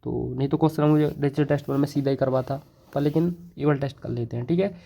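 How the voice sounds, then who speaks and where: A man with a medium-pitched, steady, gravelly, dark-toned voice teaches math at the board at a quick pace, casual and chatty, with a North Indian accent and Hindi-English code-mixing. He keeps repeating "thoda sa" and "theek hai," with many fillers and restarts. The dull, lo-fi mic gives the recording a flat sound.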